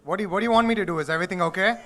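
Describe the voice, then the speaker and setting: A man plays a busy, unwilling father with an Indian accent. He talks quickly in a high-pitched male voice, in simple amateur skit style. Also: sharp tone. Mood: puzzled.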